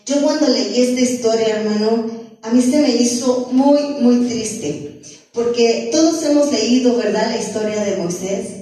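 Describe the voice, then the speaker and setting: A woman's voice: a little high, unhurried, dark tone. A woman preaching a sermon in a church, earnest, often repeating herself and asking the congregation questions. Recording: echoey church room from far off.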